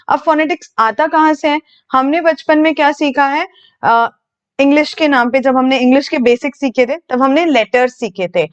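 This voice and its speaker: A woman's voice: high-pitched, dull audio. A woman from India teaching an English phonetics video lesson, explaining patiently step by step and asking the viewer questions.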